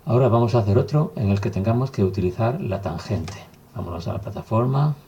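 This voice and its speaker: Guy teaching math slow and step by step, low gravelly voice, faint hiss and typing behind. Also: lo-fi sound. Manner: calm, step-by-step explaining while writing. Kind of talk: recorded math lesson.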